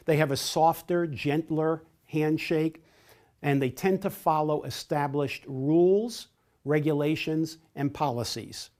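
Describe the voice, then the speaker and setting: A man's voice: a little high, measured pace, darkish tone. Man teaching in a raised voice. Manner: explains step by step, acts out short example phrases. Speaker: trainer. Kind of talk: instructional lecture.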